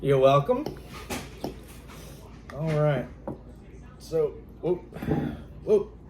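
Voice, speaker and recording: A man's voice: a little high, very animated, extremely slow, warm tone, a little hiss or hum. A man from Louisiana with a Southern accent, casually hosting a cooking vlog in his home kitchen, easygoing and rambling with fillers. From Louisiana, USA. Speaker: channel host.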